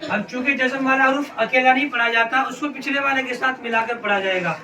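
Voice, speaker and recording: A man's voice: very high voice, a little fast. A man teaching children to read the Quran, asking questions over and over and drilling letter sounds. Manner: patient, repetitive questioning of pupils. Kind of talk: classroom lesson with call-and-response. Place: classroom with children. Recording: echoey room, distant mic, noisy. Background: children's voices and room noise.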